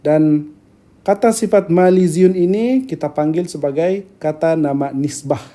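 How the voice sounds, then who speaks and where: A man with a Malaysian accent teaching grammar in a lecture, speaking slowly, repeating key terms and often checking that students follow. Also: a little high, mellow.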